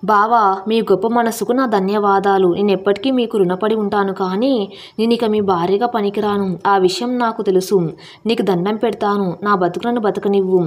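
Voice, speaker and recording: A woman's voice: medium pitch, fairly even intonation, moderate pace, lightly acted. A woman reading as a grieving young wife. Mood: sorrowful. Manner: pleading, tearful.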